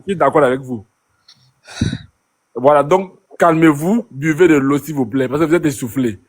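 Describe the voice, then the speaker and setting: A man moderating a live stream who speaks in a soothing way, agreeing again and again and urging calm. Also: a little high, moderate pace. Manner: soothing, repetitive, keeps agreeing. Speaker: chat moderator. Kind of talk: casual live-stream chat.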